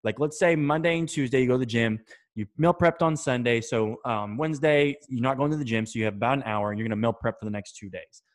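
A young self-improvement vlogger gives habit advice to camera in a loose, chatty way, swearing now and then and checking in with "right?" and "okay?". His voice is mid-range and he talks fast.

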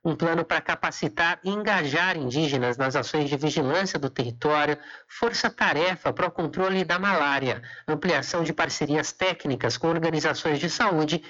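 A man's voice: a little high, a bit bright. A Brazilian man reading a scripted radio news report as an announcer. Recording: slightly dull, lo-fi audio.

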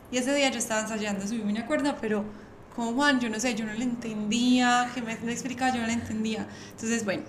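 A woman's voice: fairly high pitch, a bit bright. A woman hosting a casual podcast chat, telling stories animatedly and laughing often. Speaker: podcast host. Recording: echoey room, faint background noise.

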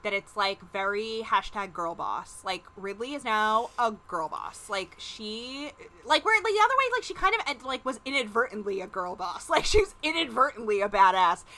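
A woman's voice: mid-range voice, expressive, normal speed, bright, forceful tone. A woman guesting on a podcast, chatting frankly and casually with lots of fillers. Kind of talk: casual chat.

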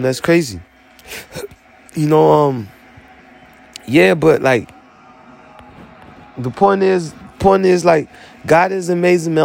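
A man's voice: fairly high pitch, creaky, darkish tone. A man, an army veteran, talking through his story in a rambling, profane monologue full of fillers.

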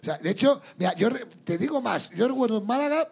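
A man hosting a comedy drinking-game show, trading crude jokes with his guest and breaking into loud laughs. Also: extremely high pitch, expressive, fast, gravelly, husky. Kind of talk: bawdy comedy banter before a live audience.

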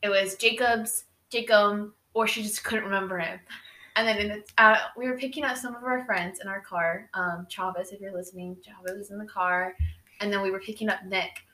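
A woman's voice: mid-range voice, fairly even intonation, brisk, bright, forceful tone. A young adult woman hosting a podcast, telling a story in a casual, chatty way with lots of fillers. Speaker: podcast host. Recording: roomy echo.

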